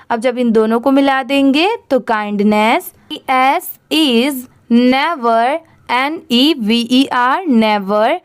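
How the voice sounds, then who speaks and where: An Indian woman teaches a slow reading lesson in a high, smooth voice. She spells words out letter by letter without hurrying, then asks how to pronounce them and answers herself.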